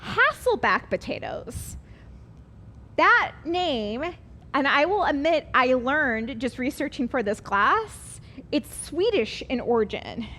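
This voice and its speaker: A woman's voice: sits high, sing-song, slow, bright, forceful tone. A woman teaching a live online cooking class, chatty and upbeat, explaining each step as she works.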